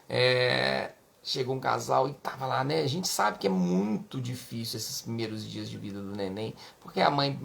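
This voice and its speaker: A man with a Brazilian Portuguese accent gives parenting advice in a relaxed, chatty manner. He keeps checking in with short tag questions. His mid-pitched voice has a strong gravelly fry. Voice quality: creaky. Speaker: pediatrician giving parenting advice. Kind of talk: casual advice talk.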